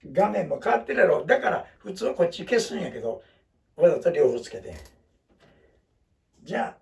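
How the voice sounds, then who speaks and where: A man's voice: fairly high pitch, creaky, distant mic. A man in his seventies with a Kansai accent, talking to viewers in a rambling, self-deprecating, casual monologue. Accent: Kansai Japanese. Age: 70s. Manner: chatty, rambling, self-deprecating, jokes and laughs. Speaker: vlogger.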